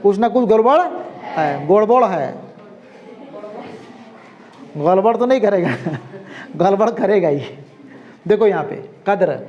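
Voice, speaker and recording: A man with a notably high voice teaching a language class. He repeats words patiently, sounds them out and keeps checking that his students follow him. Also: animated, slow pace, pauses often, warm tone, dull audio. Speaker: Urdu teacher.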